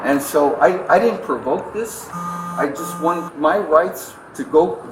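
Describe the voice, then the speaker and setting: A man retells an ongoing dispute with a grievance in every sentence, his voice pitched a bit high and his thoughts spilling out in loose, rambling runs. Body-camera audio catches him in a lobby thick with background noise. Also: animated, slow pace. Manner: aggrieved, rambling retelling with acted quotes. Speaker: caller reporting a complaint. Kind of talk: heated complaint to an officer. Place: facility lobby. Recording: body camera, noisy ambience.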